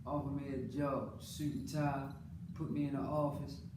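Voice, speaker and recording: A man's voice: mid-range voice, little pitch movement, normal speed. An American man speaking off the cuff in an earnest, colloquial personal monologue, repeating phrases for emphasis. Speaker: father speaking about his own life. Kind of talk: unscripted personal monologue, casual talk. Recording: roomy, distant mic, clearly noisy background.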